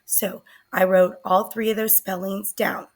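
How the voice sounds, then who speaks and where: Slow, gravelly-voiced woman teacher. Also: medium pitch, flat delivery. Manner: slow, deliberate, sounding out words. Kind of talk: recorded spelling lesson.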